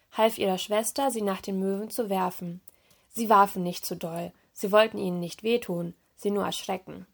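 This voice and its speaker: Woman, mid pitch, a bit of fry, a calm library storytime reader. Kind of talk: children's story reading.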